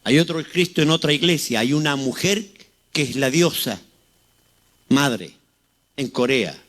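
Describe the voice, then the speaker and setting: A man's voice: mid-range voice, animated, measured pace, a bit bright. A man in his sixties with a Chilean accent preaching a fervent sermon, asking the congregation rhetorical questions. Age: 60s. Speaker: pastor.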